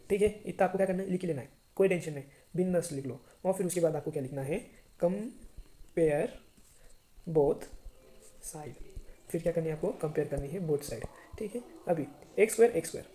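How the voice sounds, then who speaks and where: A man's voice: a little high, mellow. A man teaching a math lesson to students, chatty and often checking if they understand.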